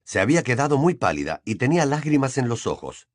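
A man narrating an audiobook in an expressive storytelling manner. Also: medium pitch, quick pace, no room sound, clean studio sound. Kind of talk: scripted narration.

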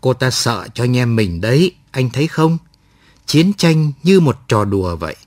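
A man voicing a gruff young soldier who talks in a harsh, coarse, scolding way in a read-aloud war story. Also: mid-range voice, sing-song, moderate pace, no room sound. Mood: rueful. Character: gruff young male soldier, rough and blunt.

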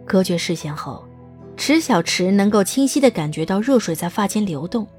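A woman's voice: medium pitch, darkish tone. A woman reading scripted narration as the narrator of a dramatised audiobook.

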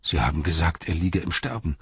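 A man voicing a loyal, worried city guard who questions earnestly in a husky voice. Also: low voice, animated, a little fast, dry recording, full character voice. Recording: dull, dry recording.

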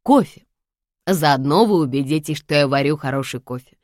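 A woman voicing a calm young man. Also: low-pitched, normal speed, no echo, clean studio sound. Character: young man, calm, gently teasing neighbor.

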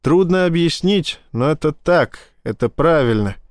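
A man's voice: on the high side, expressive, a little slow, dry recording, pitched above the performer's own voice. A man voicing a tired, resigned woman psychologist in an audiobook. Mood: pained. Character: weary woman ship psychologist, bitter, sad.

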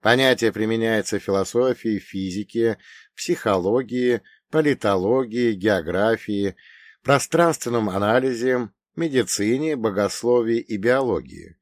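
A man reading a first-person audiobook in a measured, explanatory manner. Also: on the low side, no echo, clean studio sound. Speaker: audiobook narrator.

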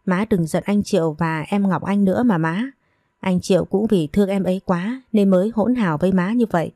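A woman's voice: mid-range voice, brisk, warm tone, dry recording, clean studio sound, lightly acted. A woman voicing a scheming young woman who talks in a falsely sweet, pleading way. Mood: coaxing.

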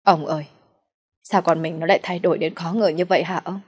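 A woman reading the part of a soft-hearted, worried elderly mother in an audio story, pleading gently. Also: fairly low pitch, fairly even intonation, a little fast, breathy edge. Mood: distressed.

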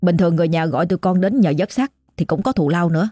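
Woman playing a young retriever guy, deferential, wheedling, husky, low. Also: racing, warm tone, no room sound, faint music behind. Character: young male corpse retriever, polite but bargaining.

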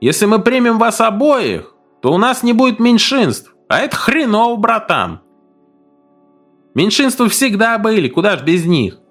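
A man voicing a rowdy gang of crude young thugs who yell coarse insults at each other. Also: high-pitched, very animated, a little slow, soft background music, voice pushed up, exaggerated voice. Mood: jeering.

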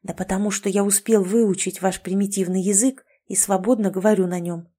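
A woman's voice: medium pitch, fairly even intonation, a little fast, warm tone, slightly rough, lightly acted. Woman reading a grumpy young man stuck in a kitten. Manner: grumpy, condescending. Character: young man trapped in a kitten's body, touchy. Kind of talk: audiobook dialogue reading.

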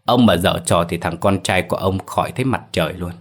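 A man's voice: low-pitched, fairly quick. A man voicing a cold, sneering male kidnapper who makes threats. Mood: menacing.

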